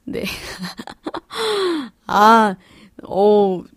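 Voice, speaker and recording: A woman's voice: mid-range voice, sing-song, very slow, dry recording, clean studio sound. A woman hosting a podcast, reading listener stories aloud and chatting casually with frequent laughs and fillers.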